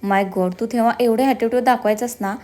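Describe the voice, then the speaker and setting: A woman voicing a lively young bride who scolds and teases her husband in a told story. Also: fairly high pitch, fast talker, natural voice. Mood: playful. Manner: playful scolding.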